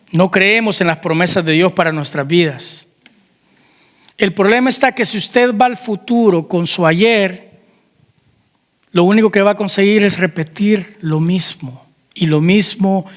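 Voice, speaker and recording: High-voiced pastor preaching in a hall. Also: male voice, fairly bright tone. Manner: preaching with questions to the congregation, calling out amen. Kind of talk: sermon. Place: church hall.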